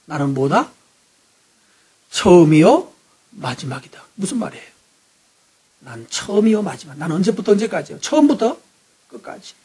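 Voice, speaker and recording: A male pastor preaching a sermon, animated, swinging between loud emphasis and hushed asides, often asking the congregation questions. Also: sits high, moderate pace, long pauses, husky. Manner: asks the congregation frequent rhetorical questions.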